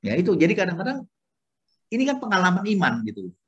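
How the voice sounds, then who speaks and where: A husky, breathy man gives a personal faith testimony to his prayer group. His voice rises and falls in a lively way as he acts out the dialogue, and it comes through muffled, dull video call audio. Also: sits high, fast talker. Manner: animated storytelling, acts out dialogue. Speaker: Bible study participant sharing testimony.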